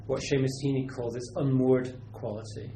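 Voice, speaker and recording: A British literary translator answers questions at a university seminar, thoughtful and halting with many restarts. His medium-pitched voice is warm but flat in delivery. The room is echoey, with a little hiss or hum.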